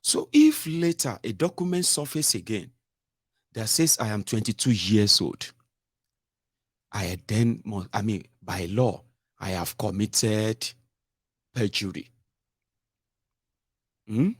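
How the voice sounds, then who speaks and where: Slow man on political commentary. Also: on the low side, animated, breathy edge, dry recording, clean studio sound. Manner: explains slowly with rhetorical tag questions. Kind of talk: live-stream political commentary.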